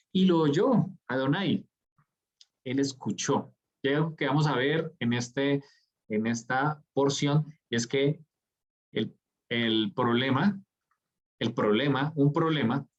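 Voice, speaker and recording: A man's voice: medium pitch, dull audio. A man leading a Bible study, teaching in an earnest, preacher-like way with frequent hesitations. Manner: earnest, preacher-like, with many "eh" fillers.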